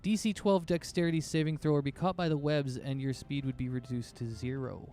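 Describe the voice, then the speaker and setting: A man's voice: medium pitch, steady tone, fairly quick, warm tone, faint music behind. A man working as game master, casually narrating a tabletop fantasy game and thinking aloud as he goes.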